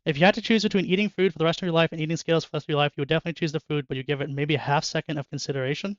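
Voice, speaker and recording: A man's voice: a little high, steady tone, racing, no echo, highs cut off. A young man chatting casually and joking with viewers while opening card packs in his bedroom, laughing often. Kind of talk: casual chat with live chat. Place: bedroom at home.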